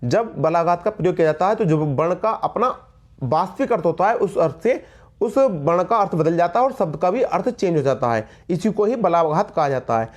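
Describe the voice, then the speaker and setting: Male Hindi-accented tutor, high pitch, emphatic and repetitive, talks straight to students. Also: lively intonation, moderate pace. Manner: emphatic, repeats key words, addresses viewers as friends. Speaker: teacher. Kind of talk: Hindi grammar lesson for exam prep.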